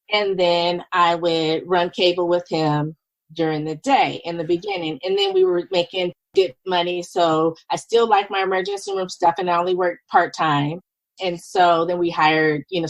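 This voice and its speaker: Woman in her fifties, podcast guest, lively storyteller, dry close recording. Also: on the low side, vocal fry, no echo, poor audio. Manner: lively, animated, acts out quoted dialogue. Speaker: podcast guest, nurse and business owner. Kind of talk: casual conversational storytelling.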